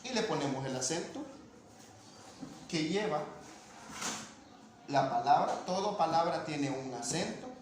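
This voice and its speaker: A man's voice: a little high, lively intonation, measured pace, pauses often. Patient man teaching in an echoey room. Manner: patient, repeats points and asks ¿verdad?. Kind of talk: classroom lesson explaining phonetics. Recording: echoey room with faint noise.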